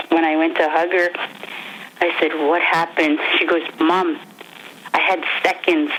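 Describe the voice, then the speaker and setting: A woman's voice: lowish voice, fairly bright tone. A woman speaking earnestly as an interviewed mother, reflective, with frequent restarts, heard over a faint noisy phone line.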